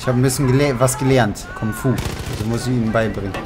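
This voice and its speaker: A playful, excitable man giving casual, joking commentary as he streams a video game. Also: mid-range voice, fast, noisy background. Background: video game music.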